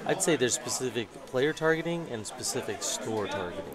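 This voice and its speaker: A man at an average pitch adds dry, wry asides as co-commentator at a card tournament. He talks loosely and unhurried between plays. A busy crowd murmurs all around him. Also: lively intonation. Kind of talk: casual live commentary.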